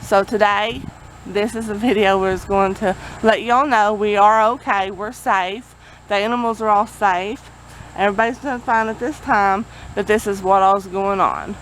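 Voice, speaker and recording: With generator noise and traffic going by, a woman near a road offers a casual, rambling vlog update in a folksy manner. Her mid-range voice keeps a fairly even intonation at a moderate pace, though the audio quality is poor.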